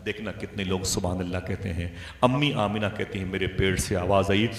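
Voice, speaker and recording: A man preaching a storytelling sermon in Hindi, building from a hushed telling into loud, high, impassioned cries. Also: steady tone, fairly quick. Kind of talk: emotional Islamic sermon storytelling. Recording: echoey venue sound.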